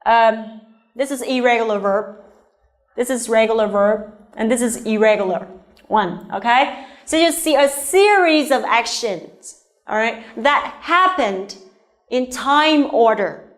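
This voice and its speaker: Slow, high-voiced woman teaching grammar. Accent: Vietnamese. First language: Vietnamese. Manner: slow and deliberate, checks in with "all right?" and "okay?". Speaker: English teacher. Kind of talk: grammar lesson.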